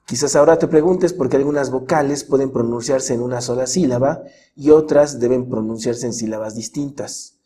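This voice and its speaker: A man narrating a scripted grammar lesson as a teacher, in a measured way, drawing out the example words slowly. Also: mid-range voice, dark tone. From Mexico.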